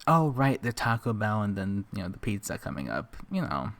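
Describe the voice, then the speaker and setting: A lowish-voiced man talks over a stream he's reacting to, throwing out sarcastic, teasing jabs. He laughs often and keeps it loose and chatty. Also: big pitch swings, a little fast, noisy background. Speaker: reaction commentator. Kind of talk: casual reaction commentary.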